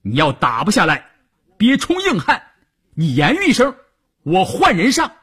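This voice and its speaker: Impatient male army commander, played by a man, scolding, husky, pitch leaping high. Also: wildly swooping pitch, measured pace, pushed and bright, exaggerated voice. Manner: scolding, demanding.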